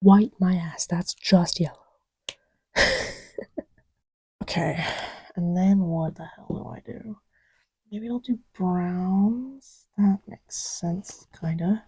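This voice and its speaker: In casual, improvised-sounding roleplay audio with an ASMR feel, a woman plays an affectionate, scatterbrained girlfriend testing markers on her boyfriend's lap. Soft-spoken, often whispery and husky, with a lowish voice, she rambles slowly, playfully and self-deprecatingly with frequent pauses, absorbed in her full character voice. The recording is dry.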